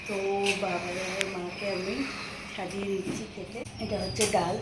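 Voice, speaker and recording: A woman with a Bengali accent speaking in a hushed, whispered vlog narration to keep a surprise secret. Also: medium pitch, little pitch movement, normal speed, roomy sound. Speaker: vlogger. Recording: noisy home video with clear background noise.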